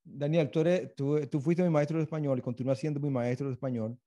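Man, interviewer, hesitant, respectful, mellow, slightly higher voice. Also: steady tone, quick pace. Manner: hesitant, respectful, many fillers. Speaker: interviewer, former student.

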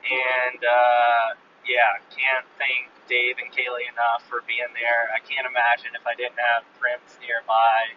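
A man's voice: medium pitch, monotone, a little slow. A male podcast host giving a loose, rambling road-journal update full of fillers, recorded on a phone. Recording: muffled phone recording from a distance, faint vehicle noise.

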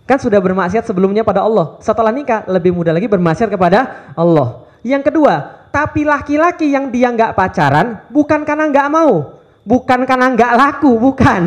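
A man in his thirties preaching to a live audience in a lively, playful way, firing off rhetorical questions. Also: sits high. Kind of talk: lively youth sermon. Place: event hall with live audience.

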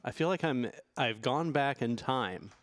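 A man's voice: medium pitch, lively intonation, unhurried, no room sound. A man co-hosting a podcast in a casual, conversational style. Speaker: podcast co-host. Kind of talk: casual chat.

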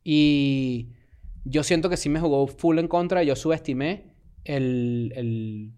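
A man's voice: mid-range voice, takes it slowly, a crowd in the background. A Venezuelan man in casual podcast chat, telling stories in slangy Spanish with frequent restarts. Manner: slangy, storytelling, restarts often.

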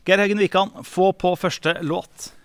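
A man's voice: sits high, steady tone, clear, resonant tone, no echo. A man hosting a radio show, leading the talk and reading out listener messages. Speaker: radio host.

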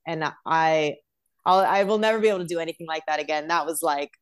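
A woman's voice: low-pitched, fast talker, smooth. A woman being interviewed as a dancer, talking in an eager, rambling way about her work. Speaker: guest dancer. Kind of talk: casual interview chat.

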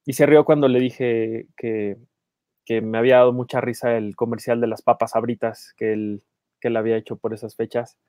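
A man with a Mexican accent co-hosting a podcast, telling anecdotes in a lively, casual way and acting out voices. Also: medium pitch, normal speed, dry recording, clean studio sound. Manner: animated anecdotes, acts out quoted voices. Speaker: podcast co-host, film journalist. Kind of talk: casual chat, storytelling.

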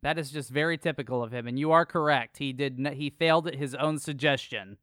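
A man's voice: mid-range voice, brisk, a bit bright, dry recording, clean studio sound. A man co-hosting a podcast, recapping an episode from a script with jokey asides. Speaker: podcast co-host. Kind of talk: casual recap chat.

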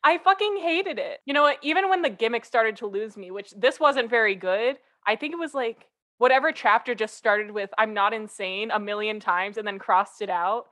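A young woman co-hosting a casual book podcast, animated and sarcastic, swearing freely as she riffs. Her voice sits a little high. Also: normal speed. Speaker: podcast co-host.

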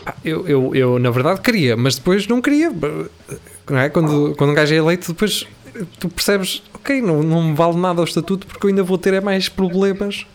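A man's voice: high-pitched, lively intonation, a little fast, soft background music. A man with a European Portuguese accent chatting casually as a podcast co-host, slangy and full of tag questions. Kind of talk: casual chat.

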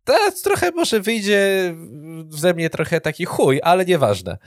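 A young man in a casual podcast chat, his voice sitting a little high and animated as he jokes and laughs. The sound is dry and close with almost no room around it. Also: a little slow, no echo. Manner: animated, joking, laughs often. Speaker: podcast co-host. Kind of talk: casual banter.

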